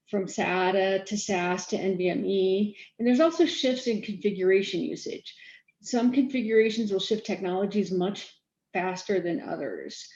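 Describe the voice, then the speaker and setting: A woman giving a conference keynote on technology, talking quickly with frequent fillers and restarts. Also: mid-range voice, darkish tone, echoey room, dull audio. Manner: fast-talking, self-aware about speed. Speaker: keynote speaker, storage architect.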